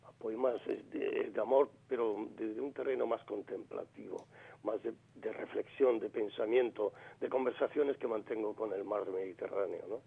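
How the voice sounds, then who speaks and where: Heard on a phone-line radio call, a poet from Granada, Spain, in his sixties, talks at a moderate pace. His voice sits low with vocal fry and slight roughness, and his reflective speech is scattered with fillers and restarts.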